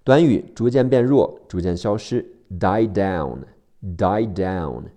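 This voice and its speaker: A man teaching English vocabulary, spelling each word out letter by letter and repeating the sounds slowly. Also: low voice, expressive, dark tone. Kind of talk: spelling and phonics vocabulary lesson.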